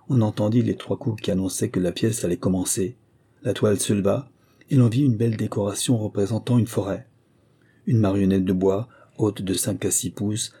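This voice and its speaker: Calm and measured, a very dark, husky, low-voiced man reads a fairy tale aloud as scripted audiobook narration.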